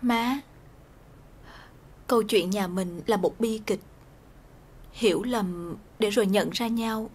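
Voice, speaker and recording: A young woman playing a daughter in a TV drama, speaking softly and consolingly to her mother. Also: mid-range voice, slow pace, long pauses, slightly rough. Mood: gentle. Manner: soft, consoling. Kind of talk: TV drama acting.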